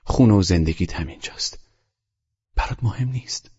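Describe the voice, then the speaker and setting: A man's voice: fairly low pitch, animated, a little mellow, husky, muffled recording, voice pushed up. A man voicing a fretful, resentful young housemaid in an audiobook, complaining and agitated. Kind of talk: audiobook character reading.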